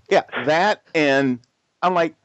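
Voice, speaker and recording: A playful woman on a podcast talks slowly, her pitch swooping widely. The recording is dry and dull. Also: wildly swooping pitch, no echo. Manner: laughs a lot, playful. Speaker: podcast co-host. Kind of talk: casual chat.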